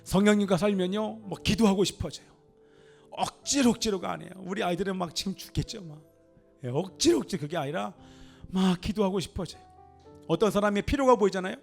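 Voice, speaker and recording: A middle-aged male pastor preaches in a church with a high, gravelly voice. He presses his points hard and swells into fervent exclamations. Soft music plays faintly underneath. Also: a little fast. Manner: emphatic preaching, rises to exclamations and calls of amen. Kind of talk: sermon. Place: church sanctuary.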